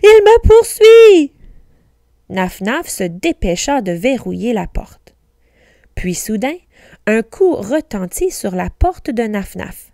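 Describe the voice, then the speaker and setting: A woman teacher reading a storybook aloud slowly, carefully pronouncing each word for learners. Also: mid-range voice, expressive, darkish tone, no echo, studio quality.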